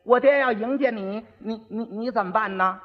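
A clever, fed-up young bride, as a male storyteller puts her on. She scolds and patiently coaches, set a little higher than the teller's already high voice. The old recording is dull and reverberant. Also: moderate pace, close to an everyday voice. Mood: exasperated instructing.

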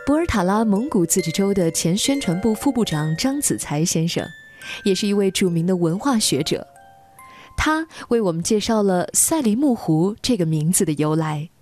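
A woman's voice: mid-range voice, expressive, normal speed, darkish tone. A woman reading scripted nature documentary narration about places and customs. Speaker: narrator of a travel programme. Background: music behind the voice.

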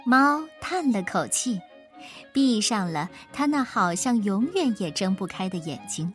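A woman narrating a children's picture book with gentle, expressive storytelling. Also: mid-range voice, measured pace, faint music behind. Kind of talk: picture-book read-aloud.

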